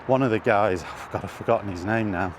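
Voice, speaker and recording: A middle-aged British man vlogs while walking outdoors in a city, rambling casually, thinking aloud, and often stumbling over his words. He talks fast in a fairly low voice. The recording is noisy with traffic, and street and vehicle sounds come through clearly.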